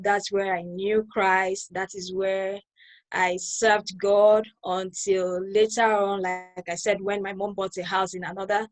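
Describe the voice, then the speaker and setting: On a video call interview, a Lagos woman with a Nigerian accent, newly joined to a church, recounts her story in a conversational way and returns to points to clarify them. She has a mid-range voice, and the audio is poor.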